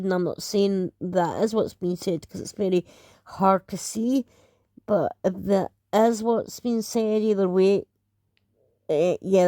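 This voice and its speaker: With a mellow, mid-range voice, this woman from Edinburgh, Scotland, rambles casually while reacting to a video, filling her speech with fillers and starting over often. The sound is studio quality with no room sound.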